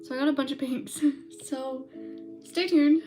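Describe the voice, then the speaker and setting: A woman's voice: high voice, moderate pace. A young woman vlogging while she crochets, chatting casually and filling her talk with "like" and "um" as she reads live comments. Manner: chatty and relaxed, with many "like" and "um" fillers. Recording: loud background music under the voice.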